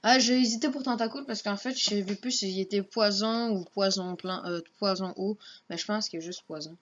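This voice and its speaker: This is a woman doing a let's play, talking casually and offhandedly to herself about her moves as she games. She speaks at a normal speed in a medium pitch, heard through a dull, slightly noisy lo-fi home microphone.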